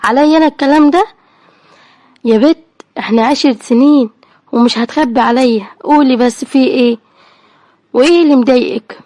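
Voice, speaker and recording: امرأة تؤدي صوت جارة مصرية عملية ومطمئنة. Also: female voice, sits high, a little fast, long pauses, darkish tone, dry recording, lightly acted. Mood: concerned. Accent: Egyptian Arabic. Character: caring, practical neighbor woman, old friend.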